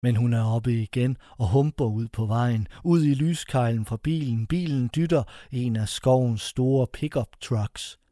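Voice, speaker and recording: A man narrating a scripted horror story in a suspenseful way, slowing down on the dramatic phrases. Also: medium pitch, warm tone, no room sound, clean studio sound.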